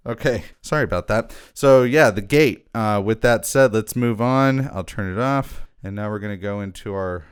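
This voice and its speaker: A man with a very low, smooth, resonant voice hosts a casual gear demo. He thinks aloud in a loose, chatty way. The sound is dry and close. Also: moderate pace, few pauses, dry recording. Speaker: host.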